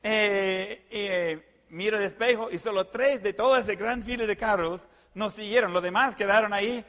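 A man telling a personal anecdote in a lively way, adding sound effects and fillers. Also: sits high, moderate pace. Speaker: storyteller. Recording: long hall reverb.

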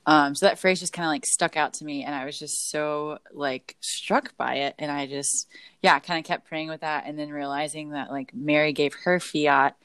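Woman podcast co-host, low voice, dry close sound, rambling casual faith chat. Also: fairly even intonation, moderate pace, a bit bright, smooth, dry recording. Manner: rambling, many fillers and self-corrections.

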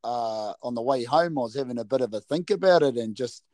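A man's voice: medium pitch, a little fast, a little mellow, dry recording, clean studio sound. A man with a New Zealand accent hosting a casual sports chat in laid-back, slangy, blokey talk. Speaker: host.

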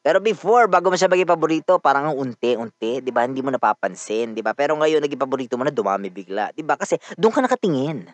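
A man with a Filipino accent giving a casual motivational talk, animated and often asking the listener to agree. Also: mid-range voice, fast, no echo.

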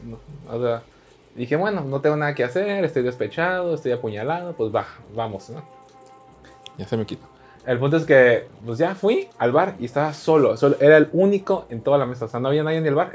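A man's voice: on the high side, lively intonation, fast, darkish tone. A man with a Mexican accent, a podcast guest, telling a crude, joking story in casual chat and acting out the dialogue.

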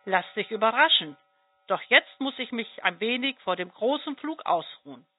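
A woman voicing a patient dandelion flower that speaks in a low, grumbling voice in a storybook tale. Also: normal speed, slightly rough, no echo. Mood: calm. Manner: grumbling, calm. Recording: dry, tinny phone-like sound.

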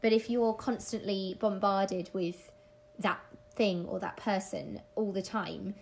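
A woman's voice: medium pitch, fairly even intonation, gravelly, a little hiss or hum. Reflective woman podcast co-host. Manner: slow, reflective, plays with words. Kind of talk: casual chat.

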